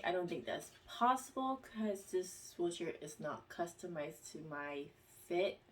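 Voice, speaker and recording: An American vlogger with a somewhat low voice works through a casual Q&A, reading each question aloud and answering slowly with halting pauses and fillers. She sits a little back from the microphone, and the rough, distant recording carries slight background noise.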